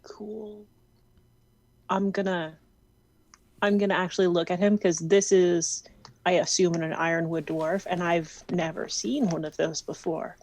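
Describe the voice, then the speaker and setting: A woman's voice: fairly low pitch, fairly even intonation, moderate pace, a little mellow. A woman playing a tabletop game over a call, casually narrating her character's actions. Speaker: player.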